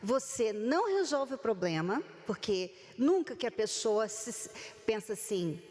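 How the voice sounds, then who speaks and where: A woman's voice: a little high, big pitch swings, a little slow, darkish tone, in a large hall. A woman with a Brazilian accent explaining relationships in a sermon-like talk, often acting out what people say. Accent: Brazilian Portuguese. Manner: explanatory, acts out quoted speech. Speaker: couples speaker.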